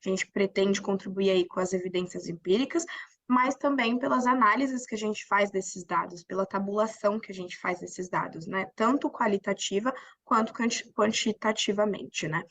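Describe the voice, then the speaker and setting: A woman's voice: medium pitch, moderate pace, fairly bright tone, no room sound. Woman presenting, dry close sound. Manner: explanatory, with frequent "né?" tags. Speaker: paper presenter. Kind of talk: academic presentation. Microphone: video call.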